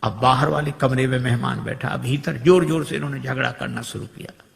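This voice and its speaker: A man telling a devotional story sermon, animated and acting out the characters' dialogue in shifting voices. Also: medium pitch, a little fast, gravelly. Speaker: religious storyteller. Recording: long hall reverb.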